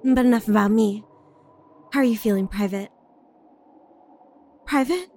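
A woman's voice: fairly high pitch, measured pace, warm tone. A woman playing an overdramatic young heroine. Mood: melodramatic. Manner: dramatic, overwrought, brooding monologue. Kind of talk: audio drama acting.

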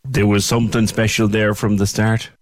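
A man's voice: on the low side, little pitch movement, moderate pace, no echo, clean studio sound. A man asking questions as an interviewer, in a sympathetic, understated conversational way.

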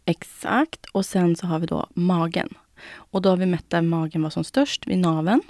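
A woman's voice: lowish voice, darkish tone, dry recording, clean studio sound. A young woman hosting a podcast in casual chat, telling stories animatedly and acting out both sides of conversations. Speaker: podcast host sharing her weight-loss journey.

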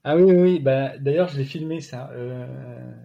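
This is a man with a French accent, a guest athlete chatting casually about his story in an interview while halting, restarting, and leaning on fillers. The voice is medium in pitch, creaky, and warm, captured on a muffled recording.

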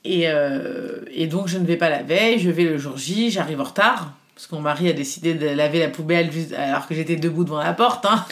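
A woman's voice: sits low, fairly quick, hardly any pauses. Chatty woman telling a story. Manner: animated storytelling, quoting others, frequent fillers. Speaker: guest telling her birth story. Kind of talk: casual chat.

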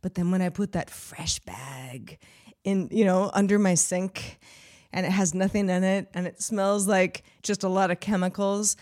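A woman's voice: medium pitch, level tone, normal speed, darkish tone. A woman co-hosting a podcast in casual chat, enthusiastic and giggly, with lots of "like". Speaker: podcast co-host.

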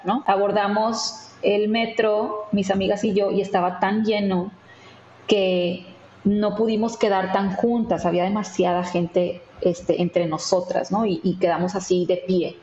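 A woman's voice: medium pitch, darkish tone, slight background noise. Woman, interview guest, chatty with fillers, roomy dull audio. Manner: many fillers and tag questions. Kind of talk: conversational storytelling.

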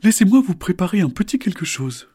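A charming, welcoming crocodile from a children's storybook, friendly and hospitable, in a raised, lively voice that a man puts on. A husky grain runs under it. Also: high voice, fairly quick, voice pushed up, exaggerated voice.

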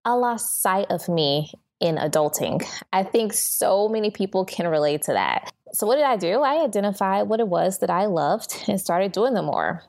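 A woman's voice: medium pitch, expressive, moderate pace, gravelly, darkish tone. A woman hosting a solo motivational podcast, giving scripted advice in an earnest, encouraging, orderly step-by-step way. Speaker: podcast host.

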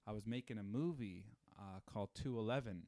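A man's voice: fairly low pitch, fairly quick, no room sound. A man in his thirties, a guest telling stories in casual chat with lots of fillers. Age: 30s. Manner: animated storyteller with many fillers. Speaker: podcast guest.

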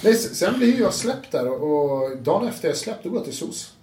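A man guest telling his own story in a casual, animated way, swearing now and then and acting out what others said. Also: on the high side. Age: adult with children. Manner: animated, swears, acts out quotes, laughs often. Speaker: interview guest. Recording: roomy room with faint noise.

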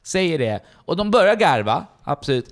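A young man in casual podcast chat, telling a comic story and acting out the voices of the people in it. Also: fairly high pitch. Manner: animated storytelling, acts out quoted voices; swears casually.

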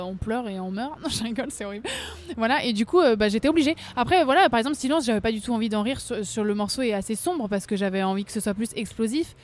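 A woman's voice: medium pitch, a little mellow. A young woman singer talking casually in an interview, chatty, laughing often, full of fillers and restarts. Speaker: singer guest.

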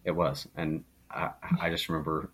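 A man's voice: a bass voice, flat delivery, normal speed, fairly bright tone, breathy edge. A young adult man, a podcast guest, telling a story casually with rambling fillers. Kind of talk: casual conversation.

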